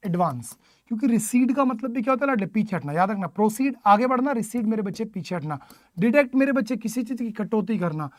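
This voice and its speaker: A high-voiced male teacher runs an online English lesson for exam prep, drilling word meanings through repeated questions and addressing the students as his children.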